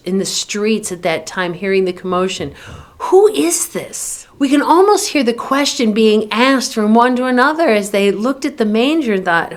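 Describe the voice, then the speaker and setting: A woman hosting a devotional podcast, earnestly reflecting on a hymn and pausing over her words. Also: medium pitch. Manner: earnest, reads hymn lyrics and poems aloud; halting restarts when speaking freely. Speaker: podcast host.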